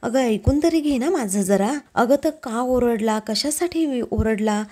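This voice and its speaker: A woman's voice: a little high, expressive, measured pace, darkish tone. A woman voicing a fretful, chatty young woman. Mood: pleading. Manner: concerned, chatty, pleading. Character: young woman, caring and gossipy.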